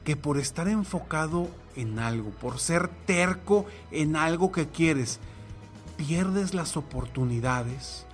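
A man's voice: fairly high pitch, animated, slow pace, faint music behind. A man giving a reflective motivational talk, telling a personal anecdote and a parable and asking the listener rhetorical questions. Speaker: motivational speaker.

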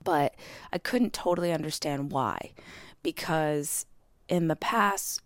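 A woman's voice: low voice, slow, dry recording. A woman hosting a chatty solo podcast, her voice scratchy and swollen-sounding from strain, speaking candidly and directly to listeners. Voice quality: scratchy, swollen-throated hoarse voice. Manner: candid, self-deprecating, addresses listeners directly. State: vocally strained from hours of speaking on tour. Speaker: podcast host. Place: hotel room.

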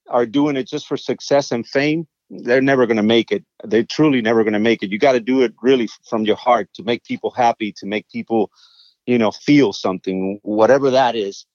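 Animated male songwriter telling stories. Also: medium pitch, a little fast, no echo, dull audio. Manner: animated, repeats words when excited. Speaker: songwriter and guest. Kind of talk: casual interview storytelling.

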